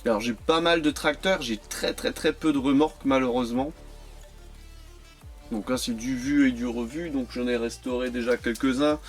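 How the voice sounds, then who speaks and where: A man's voice: mid-range voice, moderate pace, soft background music. Chatty man unboxing toy cars. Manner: chatty, full of hesitations and repeated words. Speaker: toy car collector vlogger. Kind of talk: casual unboxing chat.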